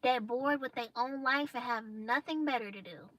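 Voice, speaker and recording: Young woman vlogger, slightly high, bright edge to the voice, blunt preachy delivery. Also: normal speed. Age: young adult. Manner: emphatic, preachy, blunt slang. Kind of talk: casual motivational monologue.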